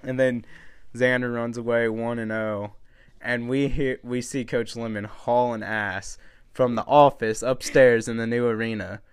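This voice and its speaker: A young man in casual podcast chat, spinning high school stories with lots of laughter and swearing. His pitch sits in an ordinary middle range. The sound is dry and close. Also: unhurried, clear, resonant tone, dry recording. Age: young adult. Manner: animated storytelling, laughing, swearing. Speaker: podcast host.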